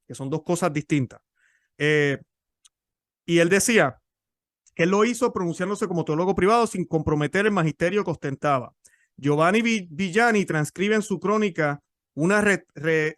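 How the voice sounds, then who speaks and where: A man's voice: fairly high pitch, fairly bright tone, dry recording, clean studio sound. A man explaining church history in a teaching talk, often repeating and restarting words.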